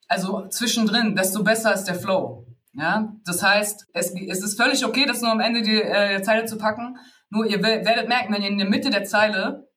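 A woman's voice: mid-range voice, a bit bright. A woman rapper from Berlin explaining how to write rhymes in a loose, slangy way, often laughing and restarting her sentences. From Berlin, Germany. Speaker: rapper giving rap-writing tips. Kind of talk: casual spoken tutorial.

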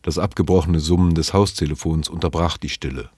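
A man reading a novel aloud in measured, sober, first-person storytelling. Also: a bass voice, fairly even intonation, a little mellow, breathy edge, no room sound, clean studio sound. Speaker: narrator.

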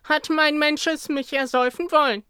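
A storyteller voicing a gloomy old cat in a high, whiny, complaining voice. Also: fairly even intonation, moderate pace, pushed and bright, no echo. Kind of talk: storybook reading.

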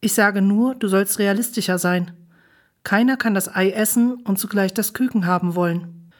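A woman's voice: medium pitch, normal speed, close to an everyday voice. A woman voicing a stern middle-aged mother who lectures her daughter in a matter-of-fact way, in a storybook reading. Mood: lecturing.

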